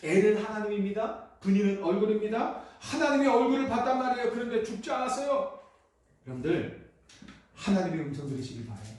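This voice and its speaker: A pastor preaches a Sunday sermon in a church sanctuary, asking the congregation questions and answering them himself. His high voice is expressive, brisk, and a little mellow. The recording is echoey, captured from far off in the church hall.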